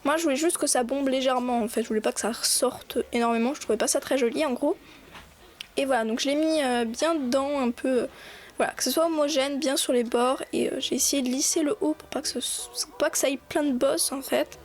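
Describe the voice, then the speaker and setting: A young woman with a high voice talks through a clay craft tutorial in a relaxed, chatty way. She keeps stopping to fill gaps and restart her sentences as she goes. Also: fairly quick. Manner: chatty, many fillers and restarts. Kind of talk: casual voice-over tutorial.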